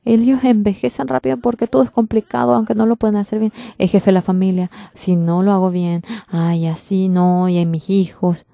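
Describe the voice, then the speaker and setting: A woman interpreting a church sermon, preaching in an earnest, emphatic way with drawn-out stresses. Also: medium pitch, little pitch movement, vocal fry, warm tone, dry recording, clean studio sound. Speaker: interpreter for a pastor.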